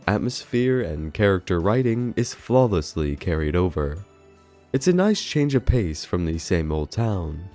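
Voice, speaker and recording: A video essay reviewer reads his scripted review aloud over background music. His voice sits low with a darkish tone, and his wording is formal and earnest.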